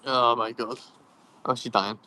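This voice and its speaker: A man's voice: medium pitch, fairly even intonation, measured pace, sharp tone. A young man with a Scouse accent, chatting casually and laughing often as he fishes outdoors and answers viewer comments. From Liverpool, England. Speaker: fishing vlogger. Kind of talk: casual live-stream chat while fishing. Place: outdoors by cold water.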